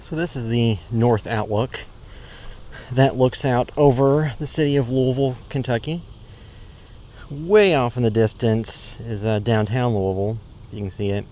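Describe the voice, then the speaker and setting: A man's voice: mid-range voice, fairly even intonation, unhurried, a little mellow. A man narrating casually and unscripted as he explores, in a hesitant, rambling, matter-of-fact way. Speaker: vlogger exploring a park. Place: outdoors in a park. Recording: clear outdoor ambient noise. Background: outdoor ambience, road noise.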